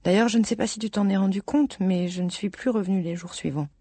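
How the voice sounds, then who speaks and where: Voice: mid-range voice, fast talker, warm tone, dry recording, lightly acted. A reader voicing a wistful woman in her thirties in love with a married man, in a rueful, self-mocking, confiding audiobook reading.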